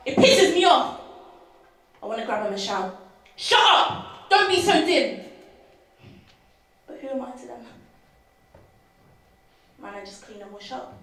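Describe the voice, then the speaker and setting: A woman's voice: medium pitch, close to an everyday voice. A woman playing a blunt, scornful young female prisoner, on stage in an echoey theatre. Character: tough young female prisoner, angry at men. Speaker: actor in a student stage play. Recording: echoey theatre, mic far off.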